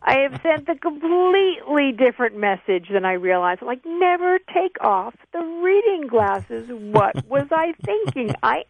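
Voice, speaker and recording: A woman in her fifties, an author and actress, chatting as a radio interview guest, self-mocking and full of animated stories. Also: sits high, measured pace, few pauses, no echo. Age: 50s. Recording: dry tinny phone-line sound.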